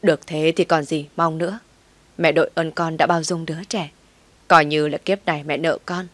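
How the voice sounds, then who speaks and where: A woman voicing a pleading elderly mother-in-law in a low, soft-spoken read. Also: little pitch movement, moderate pace, no room sound.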